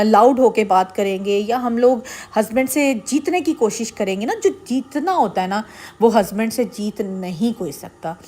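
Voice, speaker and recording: A woman's voice: medium pitch, warm tone. A middle-aged woman giving earnest, persuasive marriage advice straight to her viewers in a casual vlog. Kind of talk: casual advice talk to camera.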